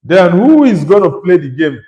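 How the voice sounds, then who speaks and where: His voice sits high and has a sing-song, mellow quality at a moderate pace, as this young Nigerian host reads football stream comments aloud and answers them casually with his opinions. The audio is roomy, with the high frequencies cut off.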